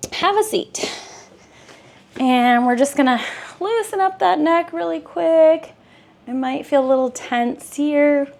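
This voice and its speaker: A woman guiding a Pilates workout, giving calm counted cues and encouragement. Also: high-pitched, creaky. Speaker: Pilates instructor. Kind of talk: guided workout instruction.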